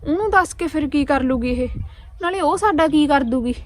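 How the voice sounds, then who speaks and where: A woman's voice: sits high, lively intonation, brisk, no echo. A woman with a Punjabi accent in a village drama, talking with a mocking sneer.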